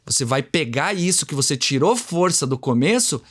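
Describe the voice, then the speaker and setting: A man's voice: on the high side, lively intonation, normal speed. A man with a Brazilian accent, an invited trainer who explains in a didactic way and plays with his own intonation to create contrast. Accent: Brazilian Portuguese. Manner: acts out short dialogues to give examples. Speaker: communication and NLP trainer, guest. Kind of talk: explanatory interview talk.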